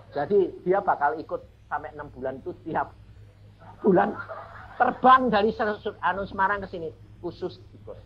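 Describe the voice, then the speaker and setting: A man's voice: fairly high pitch, muffled recording, slight background noise. A male evangelist with a Javanese accent, preaching a humorous storytelling sermon and speaking straight to the congregation. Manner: humorous, chatty, addresses the congregation as "saudara".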